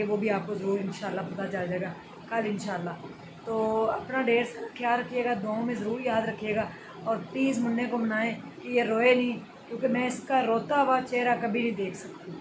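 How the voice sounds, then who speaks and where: Lady vlogging from her bedroom at night, soft pleading talk, kinda high voice, noisy recording. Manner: soothing, pleading, says inshallah often. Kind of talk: casual vlog. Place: small shared bedroom at night.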